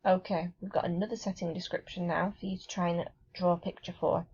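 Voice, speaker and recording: A woman teaching a remote lesson to young children, clear and encouraging, reading descriptions aloud with expression. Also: lowish voice, flat delivery, brisk, darkish tone, dull audio. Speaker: primary school teacher.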